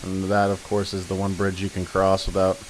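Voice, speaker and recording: A man's voice: deep voice, completely flat delivery, brisk, a little hiss or hum, poor audio. A man narrating a video game playthrough in a casual, irreverent, joking way with plenty of swearing. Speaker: let's play narrator. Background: game music.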